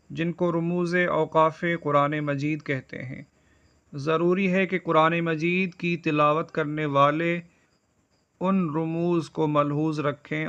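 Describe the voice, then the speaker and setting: Gravelly bright-voiced male religion teacher. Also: fairly high pitch. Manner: measured, deliberate explaining. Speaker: Islamic studies teacher. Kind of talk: explanatory religious lesson. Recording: dull lo-fi voice recording.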